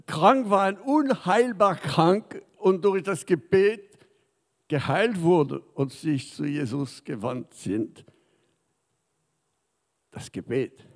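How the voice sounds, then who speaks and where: Slow high-voiced preacher in a reverberant hall. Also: male voice. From Madagascar. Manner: non-native German with small grammar slips, swings from soft to loud. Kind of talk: sermon. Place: church hall. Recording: long reverb of a church hall.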